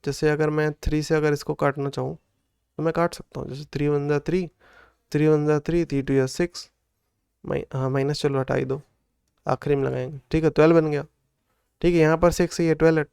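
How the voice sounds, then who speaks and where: A man tutors school maths, working each problem through step by step and counting out factors under his breath. He keeps checking in with his listener as he goes. His voice is smooth and a little high, captured close on a dry mic. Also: a little mellow, no echo. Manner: talks himself through calculations, counting out factors aloud. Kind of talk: solving textbook exercises step by step.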